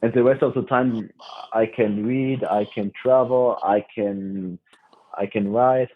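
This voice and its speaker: A man's voice: on the low side, fairly even intonation, slow. A young man in his twenties from France, a podcast guest, talking hesitantly with many restarts. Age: 20s. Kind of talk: casual interview chat. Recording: tinny phone-like line.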